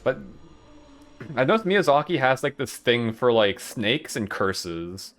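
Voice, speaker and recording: A man's voice: medium pitch, sing-song, measured pace, a bit bright, soft background music. A young man streaming a video game, chatting casually in a rambling, profane way and chuckling often. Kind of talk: casual chat while playing a game live.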